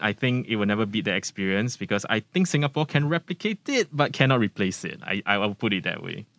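A young man hosts in a casual, conversational way. His voice is fairly low, with a dry studio sound around it. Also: fairly bright tone, no room sound. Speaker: podcast host. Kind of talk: casual hosting chat.

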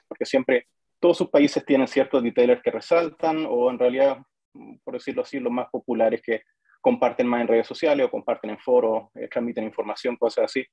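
A man talks as a guest in a relaxed, hesitant way, filling pauses and restarting his sentences. His voice is husky and the recording is dry and muffled, with a lo-fi quality. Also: medium pitch, dry recording. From Chile. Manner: hesitant, frequent fillers and restarts. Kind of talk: casual conversation.

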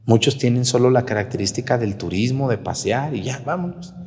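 Priest giving a sermon, lively and teasing, mid-pitched voice, big church echo. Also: male voice, fairly quick. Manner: animated, mocking, preaching to the congregation.

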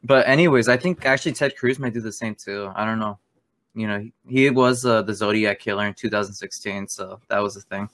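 A man in his twenties from Spain, chatting casually among friends, loose and quick to swear and laugh. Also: lowish voice, a bit bright. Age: 20s. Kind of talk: casual chat.

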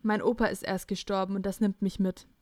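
A young woman hosts a casual podcast, her mid-range voice moving a little fast as she animatedly retells a chat exchange, quoting the texts and acting out both sides. The recording is clean studio sound with no room sound.

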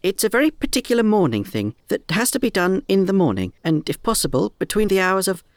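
A small, anxious piglet from a storybook, voiced by a man speaks in a squeaky, high voice that skitters up and down in pitch and stumbles over its words when frightened. The sound is close and dry, with faint music underneath. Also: very animated, brisk, no echo. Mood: nervous. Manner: squeaky, nervous, stammering. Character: small timid anxious young male piglet. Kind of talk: storybook character voice.

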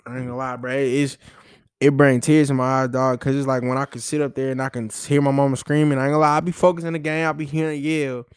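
A man's voice: mid-range voice, level tone, quick pace, clear, resonant tone, dry recording, clean studio sound. A young man, a college football player, talking casually and with feeling in an interview, often saying "bro". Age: young adult. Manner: heartfelt, repetitive, says "bro" often.

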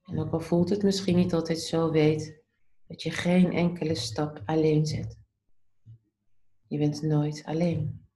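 Soft low-voiced woman talking you through a meditation, mellow and steady. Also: measured pace, long pauses, echoey room. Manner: calm, soothing, gently instructive. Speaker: meditation guide. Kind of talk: guided meditation.

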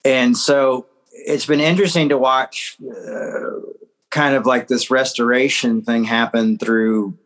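A man's voice: medium pitch, steady tone, slow pace, fairly bright tone, low-quality recording. A man in his forties, a podcast guest, rambling with many fillers and small laughs. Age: 40s. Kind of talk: casual interview chat.

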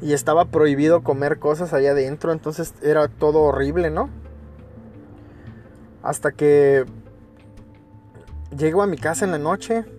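A man's voice: a little high, darkish tone. A man with a Mexican accent, hosting a podcast and telling a personal story in a casual, crude, emphatic way, full of fillers and stumbles. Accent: Mexican Spanish. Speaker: podcast host.

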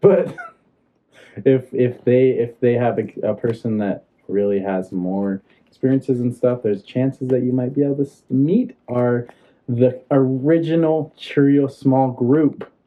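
A giggly man co-hosting a loose, casual podcast, with his talk full of restarts and quick laughs. His pitch sits in an ordinary middle range. The recording sounds thin and phone-like. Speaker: podcast co-host. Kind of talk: casual chat.

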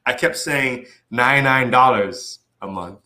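A man's voice: mid-range voice, unhurried, pushed and bright. A man hosting his podcast, talking in a casual, playful hype style and often tossing in "right?" and "you know what I mean". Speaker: podcast host.

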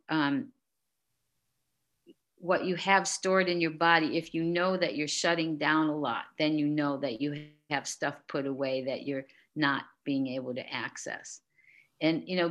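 A middle-aged woman in a casual interview, gently explaining and guiding a calming exercise. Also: deep voice. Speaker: guest expert.

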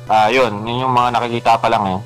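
A man co-hosting a relaxed gaming talk show, his voice in a middle register. He rambles through memories, piling up filler words and dropping English phrases into his speech. Faint music plays underneath. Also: mid-range voice, fairly quick, poor audio. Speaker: podcast co-host. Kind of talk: casual chat about video games.

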